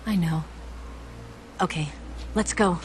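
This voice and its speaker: EVA, low-voiced flirtatious game spy. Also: female voice, takes it slowly, a little hiss or hum. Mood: confident, businesslike. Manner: teasing, self-assured, intimate. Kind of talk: video game cutscene voice acting. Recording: game soundtrack music underneath.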